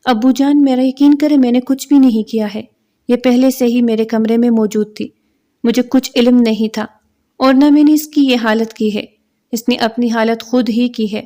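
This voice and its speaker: A woman's voice: fairly high pitch, steady tone, close to an everyday voice. A woman reading a story aloud, voicing an angry young man who protests and defends himself. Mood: pleading. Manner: sharp, indignant protesting. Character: angry young man, hot-tempered and indignant.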